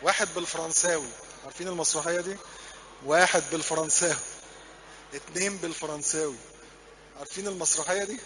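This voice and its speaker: A man's voice: fairly high pitch, steady tone, fast talker, pauses often, pushed and bright, in a large hall, a little hiss or hum. A man with an Egyptian accent teaching a Coptic class, drilling numbers and having students repeat after him. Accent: Egyptian Arabic. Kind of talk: classroom lesson. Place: church classroom.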